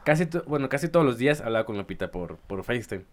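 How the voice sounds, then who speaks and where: Guy from tampico, mid-pitched voice, hesitant casual chat, keeps checking with others. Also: very animated, fast. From Mexico, Tampico. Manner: hesitant, adds "¿no?" checks and small corrections. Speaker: podcast co-host or guest.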